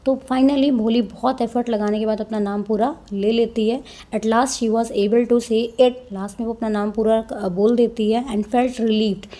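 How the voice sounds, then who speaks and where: A woman teaches a textbook chapter, reading each passage slowly before explaining it in a Hindi-mix. Her voice sits fairly high and sounds mellow and soft. She keeps checking in with her listeners through little tag questions. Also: fairly even intonation. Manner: reads English lines slowly, then explains in Hindi-English mix. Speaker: English teacher.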